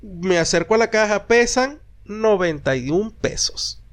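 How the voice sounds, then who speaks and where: A man chats casually on a podcast, his voice sitting notably high. He tells stories with animation and acts out the voices he quotes. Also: lively intonation, unhurried. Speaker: podcast co-host. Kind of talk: casual chat.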